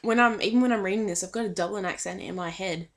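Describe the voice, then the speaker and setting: A woman's voice: mid-range voice, fast. A young woman chatting casually in a fan vlog, hesitant and full of filler ums, a little shy. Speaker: vlogger.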